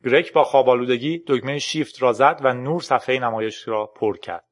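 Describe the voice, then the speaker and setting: Man calmly narrating an audiobook. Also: mid-range voice, background noise.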